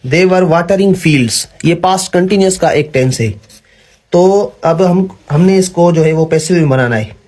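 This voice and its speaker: A young man teaching English grammar in a patient classroom style, often pausing with fillers and correcting himself. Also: high-pitched, darkish tone. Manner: patient, repeats "ठीक है", frequent fillers and self-corrections.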